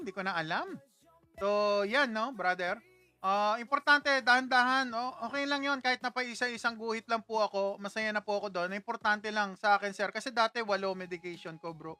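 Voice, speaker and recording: A man's voice: high voice, pushed and bright, clean tone, no echo. A man hosting a casual livestream, chatting with viewers in a playful, teasing way and laughing often. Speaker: livestream host.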